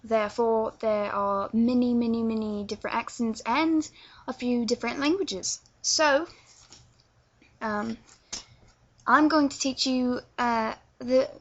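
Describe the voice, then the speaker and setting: A woman's voice: a little high, fairly even intonation, slow. Hesitant London woman, lo-fi webcam. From England. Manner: hesitant, stumbling over words with many fillers. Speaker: vlogger teaching accents. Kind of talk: casual tutorial vlog. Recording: dull lo-fi webcam sound.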